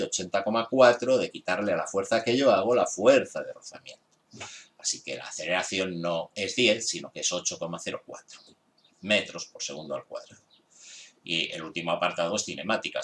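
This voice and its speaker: A man's voice: sits low, fairly bright tone. A man who is a physics teacher, methodically working through an exam solution step by step for his students. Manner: exasperated with students' grades.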